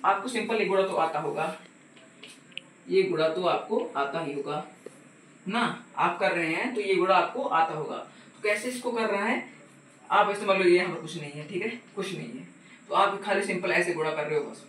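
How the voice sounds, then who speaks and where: High, bright-voiced man tutoring in an echoey room. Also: moderate pace. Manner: patient, repeats "ठीक है" and asks the viewer questions. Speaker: math tutor. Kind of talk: casual step-by-step math lesson. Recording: echoey room, voice from a distance, faint hiss.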